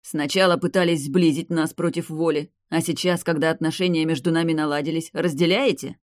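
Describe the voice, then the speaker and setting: A reader voicing a brash, hot-headed young male hero in an audiobook, cocky and quick to demand answers. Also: medium pitch, steady tone, dry recording, clean studio sound, lightly acted. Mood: angry. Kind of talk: audiobook character voice.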